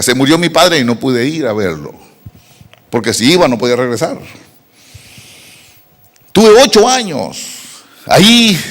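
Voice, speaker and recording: A middle-aged man from Rica, preaching a sermon with emphatic repeated rhetorical questions. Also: a little high. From Costa Rica. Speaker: pastor. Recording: echoey hall reverb.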